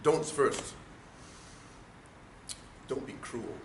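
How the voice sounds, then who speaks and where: An extremely slow-speaking man with a mid-range voice and lively intonation runs a speaking workshop. As a trainer, he lectures emphatically and asks the room questions; the recording has echo and faint noise.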